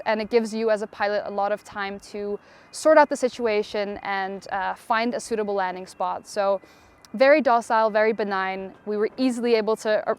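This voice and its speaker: Woman pilot from Tanzania, smooth clear voice, eager testimonial delivery with small restarts. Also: medium pitch. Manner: enthusiastic, with a few fillers and restarts. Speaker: helicopter pilot. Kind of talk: promotional testimonial.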